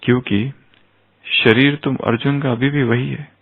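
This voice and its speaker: A man's voice: medium pitch, fairly even intonation, unhurried, vocal fry. A man giving an explanatory spiritual lecture, posing rhetorical questions to his listeners and mixing in English terms. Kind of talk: explanatory discourse. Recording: tinny phone-like sound.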